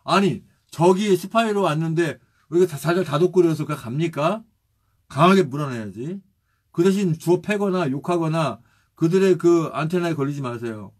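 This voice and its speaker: A male pastor preaching and leading prayer, steadily reciting lists of names, with a husky voice. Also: a little high, moderate pace. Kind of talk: sermon and spoken prayer.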